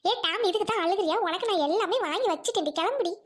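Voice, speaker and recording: Excited scolding mother, a woman's own voice. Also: very high-pitched, quick pace. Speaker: content creator. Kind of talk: comic family skit.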